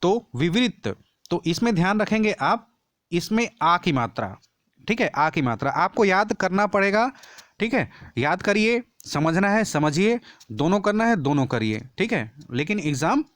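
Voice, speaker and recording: A man teaching an exam-prep lesson, explaining step by step, checking in often and repeating key terms slowly for emphasis. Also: sits high, very animated, a bit bright, no room sound, clean studio sound. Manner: explains step by step with frequent "ठीक है" check-ins.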